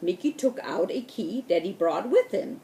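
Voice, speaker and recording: A woman reading a children's storybook aloud in a slow, expressive way. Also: mid-range voice, reverberant, slight background noise. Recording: voice distant from the mic.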